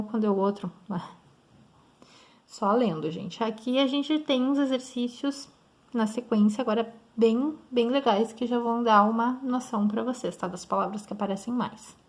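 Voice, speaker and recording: Gravelly Brazilian woman teaching grammar. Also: mid-range voice. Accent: Brazilian Portuguese. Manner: explains step by step, often adds "tá?" and "gente". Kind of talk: online grammar lesson.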